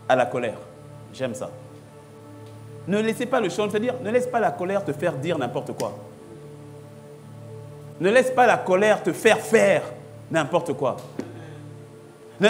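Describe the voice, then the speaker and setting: A man pastor preaching a sermon, driving points home by repeating short phrases with growing intensity. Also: high-pitched. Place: church.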